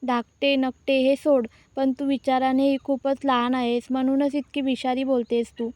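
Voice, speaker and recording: A woman's voice: sits high, little pitch movement, moderate pace, darkish tone, no room sound, lightly acted. A woman voicing a stern young husband who defends his wife, speaking bluntly in a serial recap.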